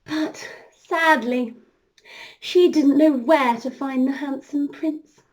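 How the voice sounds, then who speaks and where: The recording is rough: a high-pitched woman, speaking slowly, plays a princess entertainer telling an interactive story to young children. She addresses them directly in an animated, encouraging manner.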